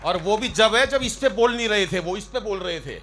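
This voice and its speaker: Bright-voiced teasing comic poet, man. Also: high voice, lively intonation, fairly quick, a little hiss or hum. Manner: teasing, chatty, acts out voices in jokes. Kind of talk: stand-up comic poetry banter. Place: stage at a poetry gathering. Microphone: stage mic.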